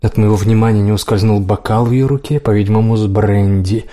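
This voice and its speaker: A man reading a first-person audiobook in a steady, even manner. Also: fairly low pitch, fairly quick. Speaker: audiobook narrator.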